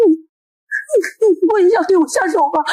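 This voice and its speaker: A woman's voice: extremely high pitch, a little fast, warm tone. A sobbing, desperate mother begging for her life. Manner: pleading, sobbing, stammering. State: crying. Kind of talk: short web drama acting.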